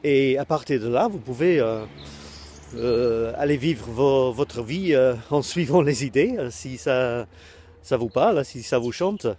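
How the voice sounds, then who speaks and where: This British man speaks with an English accent at a medium pitch, expressive and warm at a measured pace, over a slight hiss or hum. Addressing the camera casually as an online course creator, he hesitates often, filling with ums and starting over.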